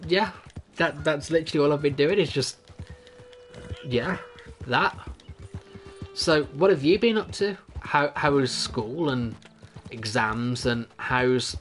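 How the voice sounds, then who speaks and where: A man's voice: fairly high pitch, expressive, takes it slowly, pauses often, fairly bright tone, faint music behind. Chatty man streaming a game. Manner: chatty, rambling, self-amused. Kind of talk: casual gameplay commentary.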